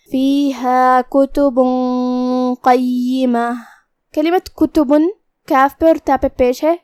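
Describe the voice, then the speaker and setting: High-voiced woman teaching recitation. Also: a little mellow, no room sound. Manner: patient, methodical explanation of each letter. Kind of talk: tajweed lesson with slow demonstrations.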